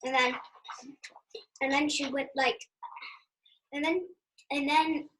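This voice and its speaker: A young girl with a high voice retells a story in halting bursts, restarting again and again. Faint hiss and clicks sit underneath. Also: little pitch movement, a bit bright, poor audio. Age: child. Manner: halting, full of "and then" restarts. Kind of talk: casual retelling.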